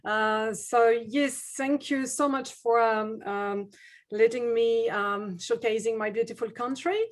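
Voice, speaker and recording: A woman's voice: a little high, fairly even intonation, slow pace. A woman with a French accent presenting as a tourism representative in a webinar, speaking hesitantly with many fillers. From France. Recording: video call audio.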